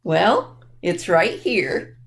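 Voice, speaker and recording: With a fairly low, creaky voice, big pitch swings, and drawn-out words, a woman reads a picture book to children at a library storytime. She keeps explanations simple and talks right to her young audience.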